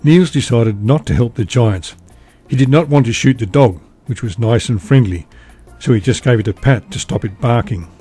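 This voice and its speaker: Calm man reading a bedtime story. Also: mid-range voice, normal speed, breathy edge, dry recording, soft background music.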